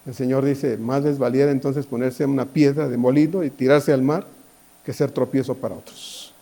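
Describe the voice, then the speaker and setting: Pastor preaching, warm and soft-toned. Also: male voice, medium pitch, steady tone, normal speed, gravelly. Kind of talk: sermon.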